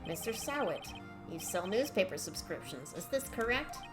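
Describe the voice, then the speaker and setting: A woman voicing a smug male prosecutor in a courtroom video game, with formal, measured questioning. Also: medium pitch, very animated, over music, natural voice.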